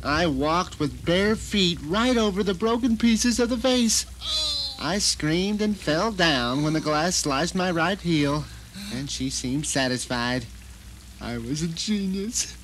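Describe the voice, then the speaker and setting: In a noisy 1990 radio drama recording, a man plays a self-satisfied novelist trapped at home, dramatically narrating his grim ordeal. His voice is a little high and animated, he takes it slowly, and he sounds smug and cunning.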